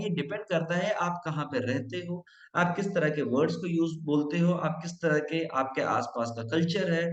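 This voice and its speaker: A man's voice: sits high, fairly bright tone, reverberant, low-quality recording. A middle-aged man giving a training lesson, explaining and demonstrating word pronunciations, mixing English phrases into his talk. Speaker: trainer and consultant.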